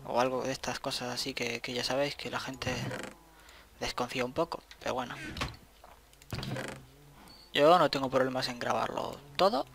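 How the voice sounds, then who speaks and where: Man, gameplay commentator, casual let's-play talk, excitable, bright tone, faint typing in background. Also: medium pitch, moderate pace, vocal fry, long pauses, slight background noise. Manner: chatty, excitable, thinks aloud.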